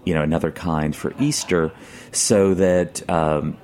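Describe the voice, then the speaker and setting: A man from the Czech Republic, a guest in a radio studio, explaining food traditions in casual talk, pausing often with fillers. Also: low voice, steady tone, a little mellow. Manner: thoughtful, explains with many pauses and fillers.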